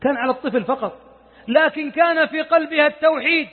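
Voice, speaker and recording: A man preaching a sermon with emotion, moving from hushed lines to loud exclamations. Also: very high voice, fast talker. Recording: echoey hall over a tinny lo-fi recording.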